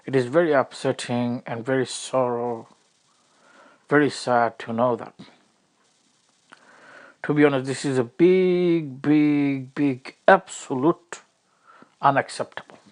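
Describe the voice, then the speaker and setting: Slow-talking man in a mock-tearful lament. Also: medium pitch, steady tone. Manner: over-the-top lamenting, repetitive and halting. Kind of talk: mock-tearful comic monologue.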